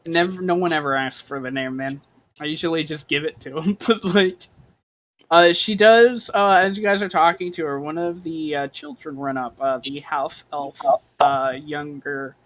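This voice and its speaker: Slow, rambling game master. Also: medium pitch, a bit bright, low-quality recording. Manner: rambling, many fillers and laughs. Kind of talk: narrating a tabletop game on stream.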